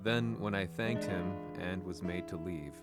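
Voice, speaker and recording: A man acting as a brooding, serious investigator, narrating a scripted game story in a grave, measured way. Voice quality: low. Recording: loud music under voice. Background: prominent guitar music.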